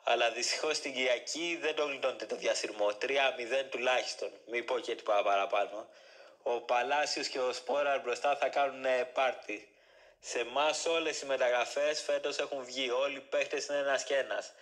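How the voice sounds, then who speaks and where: A man's voice: mid-range voice, steady tone, fairly bright tone. A man calling in as a guest, teasing and boastful as a rival football fan. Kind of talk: casual chat.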